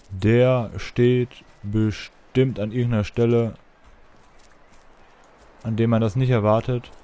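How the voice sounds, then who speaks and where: A man's voice: medium pitch, warm tone. A man giving casual gameplay commentary for a video game tutorial, chatty and impatient, with rambling asides. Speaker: let's play tutorial host. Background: faint game music.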